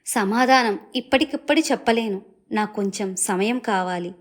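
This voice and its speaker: A woman storyteller voicing a gentle young woman, a devoted daughter, who speaks softly and earnestly. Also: mid-range voice, moderate pace, natural voice. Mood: hesitant.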